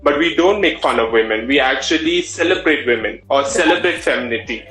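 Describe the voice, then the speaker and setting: Bright-voiced man with Malayali Indian accent. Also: mid-range voice, expressive, fairly quick. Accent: Malayali Indian English. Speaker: interview guest, drag performer. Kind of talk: conversational interview. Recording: roomy echo with background music.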